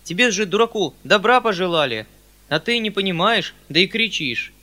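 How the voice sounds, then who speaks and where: Guy playing a fussy flustered old uncle, loud and excitable, bright voice. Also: on the high side, moderate pace. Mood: flustered eager. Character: kindly, flustered older landowner uncle.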